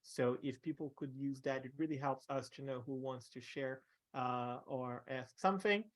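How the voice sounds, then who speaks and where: A man moderating a Q&A over a video call, gracious and hesitant in his speech. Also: medium pitch. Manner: gracious, hesitant with many pauses. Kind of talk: hosting an online Q&A.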